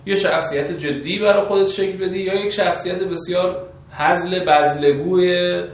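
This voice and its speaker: A man's voice: sits high, fairly even intonation. A man interviewing a scholar, asking probing questions and thinking aloud with hesitations. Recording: echoey, far from the mic, faint ambience.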